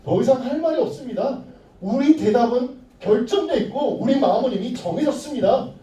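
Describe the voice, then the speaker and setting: A man voicing three young men who answer the king calmly and firmly, heard from far off in an echoey room. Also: very high voice, pitched above the performer's own voice. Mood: resolute. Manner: calm, firm, measured. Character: three young men, calm and resolute believers.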